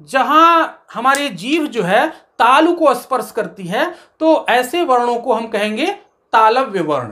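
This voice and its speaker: A woman's voice: a little high, sing-song, fairly bright tone. A woman teaching a Hindi grammar lesson, explaining step by step and asking questions that she answers herself. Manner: recites letters of the alphabet slowly.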